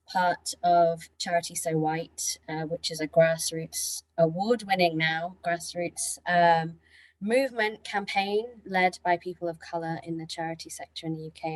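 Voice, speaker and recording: A woman speaks in a low register on a discussion panel. Her delivery is informal and playful, and the sound is dry and close to room-free. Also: dry recording, low-quality recording. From Mauritius. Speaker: panellist, anti-racism activist. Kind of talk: informal self-introduction on a panel.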